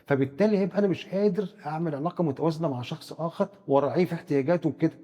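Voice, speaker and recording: Fast-talking Egyptian man, husky and dark. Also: fairly high pitch, big-room sound. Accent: Egyptian Arabic. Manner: rapid, explains with first-person examples, frequent stammered restarts. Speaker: psychiatrist guest expert. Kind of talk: explanatory discussion.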